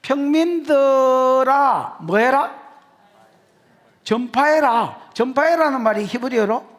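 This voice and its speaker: A man with a Gyeongsang Korean accent preaching an expository sermon as pastor, joking with the congregation and shouting his key points. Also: sits high, moderate pace. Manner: animated, jokey, shouts for emphasis.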